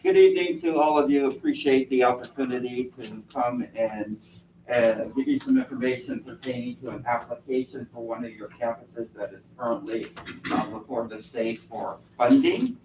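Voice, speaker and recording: A man giving a formal, measured presentation at a meeting, his voice slightly muffled as he speaks through a face mask. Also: mid-range voice, steady tone, darkish tone. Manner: measured, formal, wordy explaining. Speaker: consultant presenting to a school board. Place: indoor board meeting room. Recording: echoey meeting room, distant mic, faint noise.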